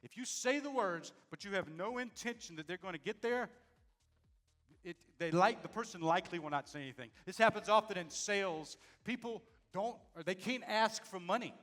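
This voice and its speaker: Male stage speaker, high voice, upbeat motivational delivery to a live crowd. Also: moderate pace. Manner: lively, addresses audience directly, asks "make sense?". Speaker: speaker on leadership and communication. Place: stage before a live audience.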